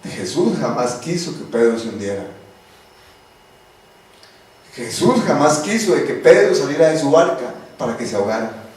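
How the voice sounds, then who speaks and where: A man's voice: mid-range voice, big pitch swings, moderate pace, pauses often, a little mellow. A man preaching as a pastor, with impassioned, repetitive delivery that builds in intensity. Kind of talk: sermon. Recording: very echoey room, voice from a distance.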